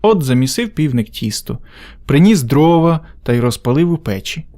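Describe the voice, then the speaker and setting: A man reading a folk tale aloud as a storyteller, in an animated, expressive way. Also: medium pitch, moderate pace.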